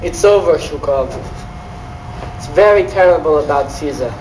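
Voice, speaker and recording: A man's voice: a little high, moderate pace, darkish tone, lightly acted. A man acting in a drama as a sober fellow prisoner, consoling and reasoning earnestly. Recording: echoey, distant mic, faint noise.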